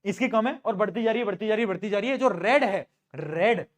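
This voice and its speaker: A man's voice: high-pitched, brisk. A young male teacher giving a live science lesson, playful and teasing, repeating key questions and answers and mixing English terms into his talk. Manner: playful, teasing, addresses students as beta; mixes English terms into Hindi.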